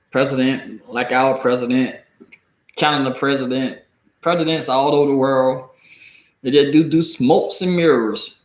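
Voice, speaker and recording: An American man with a deep Southern accent, reading and commenting casually on the news in a halting, folksy, colloquial way. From United States. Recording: echoey room.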